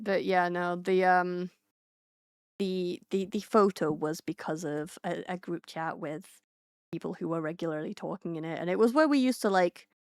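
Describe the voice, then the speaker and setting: A woman's voice: lowish voice, vocal fry, dry recording, studio quality. A woman streamer chatting casually with her viewers, rambling with lots of fillers and restarts.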